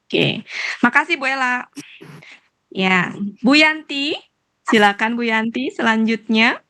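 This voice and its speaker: A woman teaching a grammar class, guiding her students patiently and repeating phrases slowly. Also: a little high, lively intonation, bright, forceful tone.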